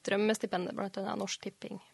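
A woman's voice: mid-range voice, level tone, gravelly, slightly rough, no room sound. A woman in her twenties with a North Norwegian accent, chatting casually as an interview guest. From Mo i Rana, northern Norway. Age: 20s. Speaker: interview guest, local journalist.

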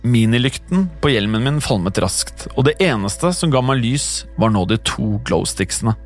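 A man narrates a scripted first-person horror story, keeping his delivery tense and hushed. His voice sits at an ordinary middle pitch, and faint music plays softly beneath the narration. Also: expressive.

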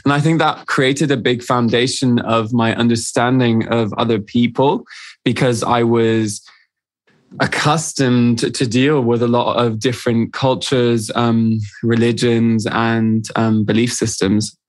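A man raised in Switzerland and France tells his own story as a podcast guest, candid and chatty with plenty of "um"s. His mid-range voice is steady and a little slow, with no room sound in this casual storytelling interview.

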